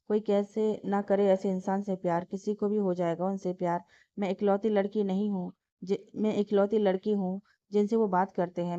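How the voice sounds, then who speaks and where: A woman voicing a heartbroken, lovesick young woman who pleads softly through tears. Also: mid-range voice, no room sound, lightly acted. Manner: soft, tearful pleading. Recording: dull lo-fi dry recording.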